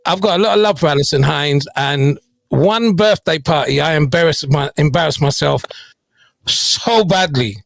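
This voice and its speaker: Male drivetime radio host, gravelly, fairly high voice, chatty and self-mocking, dry close sound. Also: normal speed, no echo. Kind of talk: casual on-air chat and song introductions.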